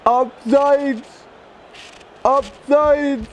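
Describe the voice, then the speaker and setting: Guy doing a bored deadpan buddy in a comedy stream, really high voice, drags his words. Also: dull audio, slight background noise, full character voice. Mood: dry, contrary. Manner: deadpan, slow, terse. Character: unimpressed, contrary male friend of a gamer.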